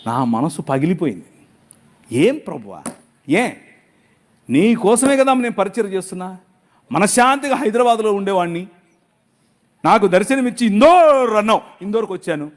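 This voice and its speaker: A man's voice: high voice, big pitch swings, normal speed, pauses often. A middle-aged male pastor preaching an emotional, dramatic sermon full of rhetorical questions. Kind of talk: impassioned sermon.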